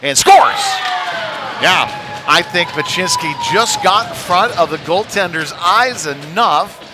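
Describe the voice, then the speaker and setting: Loud music and a roaring crowd surround a high-voiced man giving slow, expressive play-by-play of a live hockey game. His amateur commentary is casual and chatty, with somewhat hesitant phrasing, in a noisy arena.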